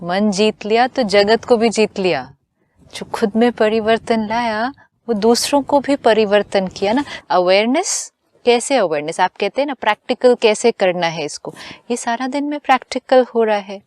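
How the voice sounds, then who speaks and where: A woman giving a calm spiritual talk in a measured teaching manner, with English phrases mixed in. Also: a little high, dry recording.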